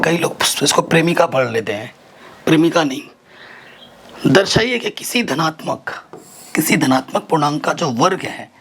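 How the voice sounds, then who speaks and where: A man teaches math at a board, his voice sitting a touch high. He keeps asking his students each next step and then answers it himself. The recording carries steady background noise with the scratch of writing. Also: vocal fry. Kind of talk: whiteboard math lesson.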